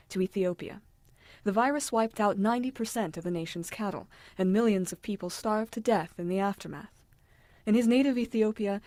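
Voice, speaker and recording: A woman reading scripted narration for a radio profile in an even broadcast delivery. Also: medium pitch, dry recording.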